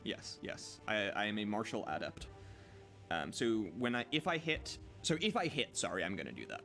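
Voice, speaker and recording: A man's voice: fairly low pitch, very animated, moderate pace, gravelly, sharp tone, soft background music. Hesitant man playing a tabletop game. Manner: hesitant, many fillers and restarts. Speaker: player. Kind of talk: casual tabletop play.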